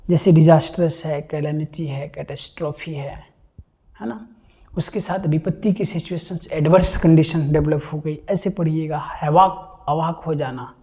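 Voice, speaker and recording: A man's voice: a little high, mellow. A man teaching a live online vocabulary class, explaining patiently, repeating key words and checking that students understand.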